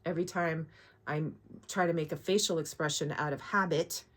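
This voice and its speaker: Bright-voiced woman vlogger, candid and sweary. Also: deep voice, fairly even intonation, a little fast. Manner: candid, sweary, rambling with asides and self-corrections. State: sore and shaken hours after surgery. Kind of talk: casual personal vlog.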